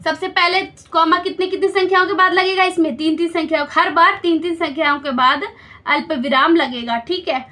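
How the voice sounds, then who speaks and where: A woman's voice: extremely high pitch, steady tone, brisk, pushed and bright. A woman teaching a school maths lesson step by step, patiently explaining and checking understanding with questions.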